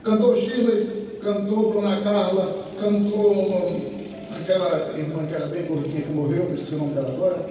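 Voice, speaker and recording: A man preaching a sermon, telling a story that builds to shouted emotional peaks. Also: high voice, steady tone, moderate pace, a little hiss or hum. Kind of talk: sermon testimony. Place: large echoey church hall. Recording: echoey church hall from far off, faint music.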